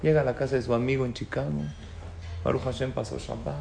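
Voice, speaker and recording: A man's voice: medium pitch, fairly even intonation, fast, vocal fry, darkish tone, slight background noise. A man giving a religious talk to an audience, telling stories and asking them questions. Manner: storytelling, asks the audience questions. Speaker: rabbi lecturer. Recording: echoey room with faint ambience.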